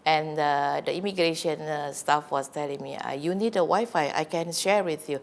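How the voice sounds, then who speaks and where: A woman's voice: sits low, normal speed, vocal fry. A woman from Indonesia, a visiting academic answering interview questions in a chatty way full of fillers and restarts.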